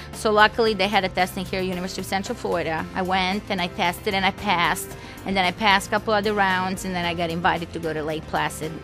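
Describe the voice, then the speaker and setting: A woman's voice: medium pitch, a bit bright. Woman, 20s, chatty interviewee with a mid-range voice. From Serbia. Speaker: interviewee, aspiring skeleton athlete. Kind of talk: casual interview talk.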